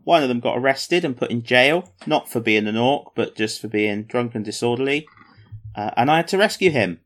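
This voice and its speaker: A man with a somewhat low voice chats casually on a podcast. He rambles with plenty of ums, jokes at his own expense and keeps things light and chatty. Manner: jokey, self-mocking, rambling with fillers. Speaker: podcast co-host. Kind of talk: casual chat about tabletop wargaming.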